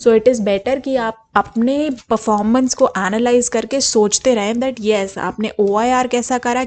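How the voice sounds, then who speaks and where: A young adult woman tutor giving exam tips in a spoken lesson, switching between Hindi and English, slow and deliberate on English sentences and often checking in with her listeners. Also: fairly high pitch. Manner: mixes Hindi and English, asks "ठीक है?" to check in.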